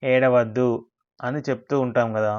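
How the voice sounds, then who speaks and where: A man teaching English words in a slow vocabulary lesson, repeating each word and its meaning. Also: medium pitch, fairly even intonation, clear, resonant tone, lo-fi sound.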